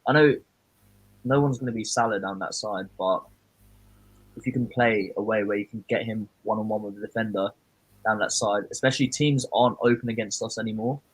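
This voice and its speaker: A man's voice: on the low side, fairly quick, husky, poor audio. A man on a football watchalong panel, offering casual, opinionated chat about players and tactics.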